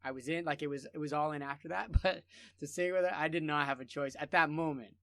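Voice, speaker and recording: A man in his forties chats as a podcast guest, with a slightly higher voice. He tells childhood stories in an animated way, often laughing and restarting his sentences. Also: fast talker, no room sound. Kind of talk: casual storytelling.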